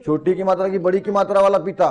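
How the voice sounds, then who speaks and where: High-voiced coaching teacher. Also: male voice, fairly even intonation, fast, darkish tone. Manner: colloquial and teasing, repeats key words, asks students rhetorical questions. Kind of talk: classroom lecture.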